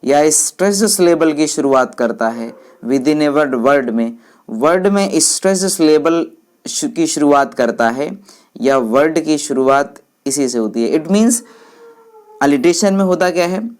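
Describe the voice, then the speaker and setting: Slow, low-voiced woman teaching English. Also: animated, a little mellow. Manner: explains slowly, repeats each English phrase in Hindi; addresses viewers as friends. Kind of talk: Hindi-English classroom explanation.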